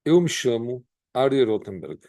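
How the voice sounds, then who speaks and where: A man in his fifties with a Carioca Brazilian accent, a rabbi giving a personal testimony in a measured, earnest way with frequent pauses. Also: medium pitch, very animated, dark tone, no room sound, studio quality. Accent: Carioca Brazilian Portuguese. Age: 50s. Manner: measured, earnest, pauses often between phrases.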